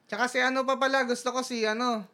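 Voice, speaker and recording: A young woman co-hosting a podcast, excitable in casual chat, swearing and laughing a lot. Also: a little high, fast talker. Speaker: podcast co-host.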